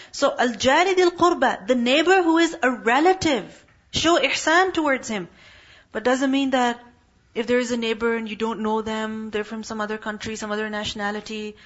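A woman's voice: a little high, fairly bright tone, lo-fi sound. A woman teaching a Quran lesson to a class, asking questions and answering them herself.

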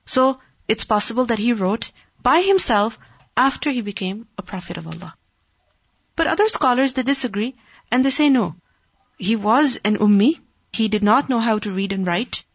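A woman teaching a religious lesson on hadith, reading Arabic quickly and then translating it phrase by phrase in English. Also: a little high, lively intonation, breathy edge, dry recording. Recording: dull, slightly lo-fi dry recording.

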